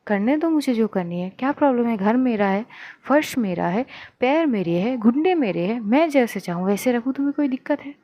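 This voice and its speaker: A woman voicing a bossy, sharp-tongued woman doctor in a story. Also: fairly high pitch, lively intonation, fairly quick, close to an everyday voice. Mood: defiant. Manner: scolding, sarcastic.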